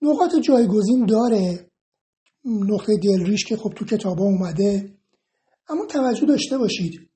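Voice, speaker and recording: A woman instructor who reads out viewer questions about tapping therapy and answers them in a calm, reassuring, explanatory way. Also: on the high side. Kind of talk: informal explanatory Q&A monologue.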